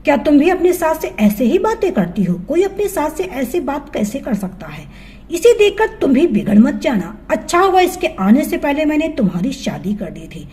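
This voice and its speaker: A woman's voice: high-pitched, sing-song, normal speed, dark tone. Woman voicing a grumbling older mother-in-law. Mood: scolding. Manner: scolding, sarcastic.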